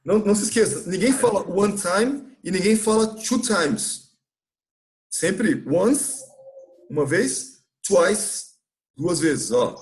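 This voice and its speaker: A man's voice: high-pitched, expressive, slow. Upbeat Brazilian man teaching English. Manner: explains patiently, often checks in with "certo?". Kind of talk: classroom English lesson. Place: church classroom.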